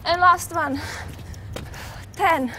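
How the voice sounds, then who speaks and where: A woman's voice: very high voice, extremely slow, pushed and bright, slight background noise. A fitness instructor, a woman, leading a home workout out of breath, counting reps and urging viewers on.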